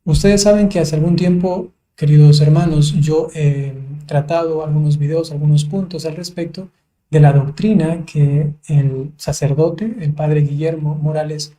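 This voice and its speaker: A man, a priest, hosting a livestreamed conversation, speaking in a measured way with frequent fillers. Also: fairly high pitch, steady tone, mellow. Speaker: priest, host.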